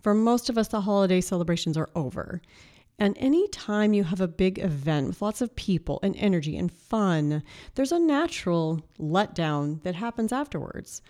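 A woman in her thirties hosting a casual faith-based podcast as a life coach, slightly hoarse from a cold and chatty, with filler words and laughs. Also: mid-range voice, lively intonation, normal speed, dark tone.

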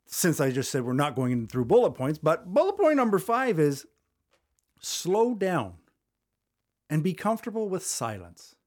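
A fast-talking man hosts a solo podcast, speaking into a studio microphone in a small studio. His voice sits a little higher than most men's, and his delivery is loose and conversational rather than scripted. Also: huge pitch swings. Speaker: podcast host. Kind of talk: solo podcast advice talk.

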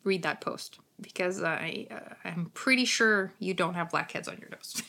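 A woman's voice: on the low side, normal speed, gravelly, sharp tone. A woman with a Ukrainian accent chatting informally as a skincare specialist on a live Q&A, blunt and happy to swear. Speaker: skincare specialist answering live stream questions. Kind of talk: casual live Q&A chat.

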